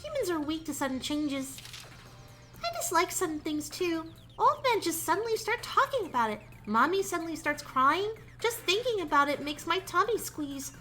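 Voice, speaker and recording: Woman voicing an anxious, earnest child reading a diary; high and bright, faint game music behind. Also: very animated, moderate pace, heavily acted. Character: anxious, gentle child afraid of upsetting mother. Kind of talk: reading a diary entry aloud in character.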